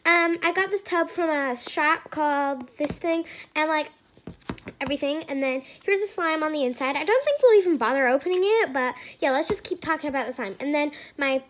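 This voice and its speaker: A woman's voice: high-pitched, expressive, brisk, slight background noise. A woman voicing a chatty female slime-video host who rambles off topic, full of fillers, in a put-on odd accent. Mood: gushing.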